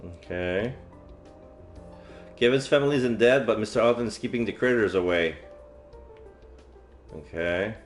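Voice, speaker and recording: Streaming a visual novel, a man reads its story aloud dramatically, dropping offhand casual remarks along the way. His voice is on the low side, at normal speed with long pauses, and game music plays faintly behind.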